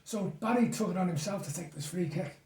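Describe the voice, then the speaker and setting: A man's voice: high voice, a little fast, darkish tone. An older man with a Merseyside accent, chatting and telling anecdotes as an interview guest in a casual reminiscing conversation. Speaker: guest, former football referee. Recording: echoey room, distant mic.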